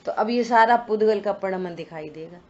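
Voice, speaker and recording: A woman's voice: mid-range voice, normal speed, darkish tone. A woman teaching a scripture study session, explaining points and answering her own questions. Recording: dull lo-fi recording.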